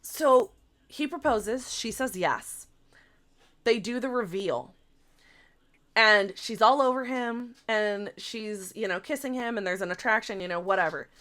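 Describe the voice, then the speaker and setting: A woman podcast co-host in casual chat, retelling a story in an animated, gossipy way, full of "like" and casual swearing. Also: medium pitch, a little slow.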